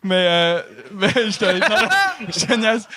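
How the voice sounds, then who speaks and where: Man, Quebec French accent, comedy host, teasing, encouraging, high voice. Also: slow, bright, forceful tone. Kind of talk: giving feedback to a comedian.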